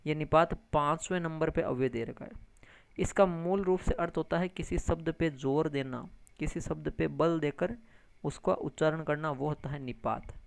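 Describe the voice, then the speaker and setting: A man's voice: fairly high pitch, creaky, no room sound. A male grammar teacher giving an exam-prep lesson, explaining step by step and answering his own questions. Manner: addresses viewers as friends, frequent tag questions.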